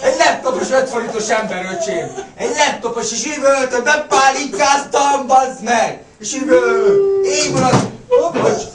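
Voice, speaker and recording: A man with a very high voice tells a crude party story, swearing all the time and breaking into excited yells. He sounds far from the mic, in an echoey space with a loud crowd behind him. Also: few pauses. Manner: rowdy, swears constantly, shouts excitedly. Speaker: comic storyteller. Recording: echoey, distant, with crowd noise.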